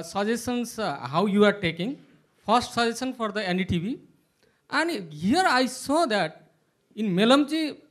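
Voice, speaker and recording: A man poses a long, rambling question to a panel. His voice sits high for a man, and he halts often, filling the gaps with "uh" and "you know." It sounds like off-the-cuff speech from the audience floor. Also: sharp tone. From Nepal. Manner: halting, many filler sounds. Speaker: audience member asking a question. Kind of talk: hesitant spoken question at a panel.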